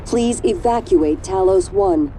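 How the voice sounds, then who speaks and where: Calm ship computer lady, a woman voicing it, measured automated warnings, lots of background noise. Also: medium pitch, natural voice. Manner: even, measured automated announcements. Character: calm female space station computer announcer. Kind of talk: video game system announcements.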